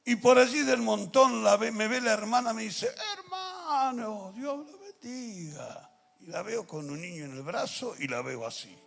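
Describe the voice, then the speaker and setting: An older man preaching a testimony sermon in Argentine Spanish, telling stories that swing from hushed to shouting. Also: sits high, gravelly, slightly rough. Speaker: pastor. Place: large church with music behind.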